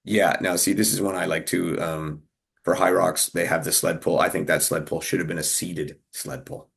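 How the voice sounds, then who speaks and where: Podcast co-host, male, deep and gravelly, husky, chatty and self-mocking. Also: little pitch movement, moderate pace. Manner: thinks aloud, jokes and laughs at himself. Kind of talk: casual fitness podcast chat.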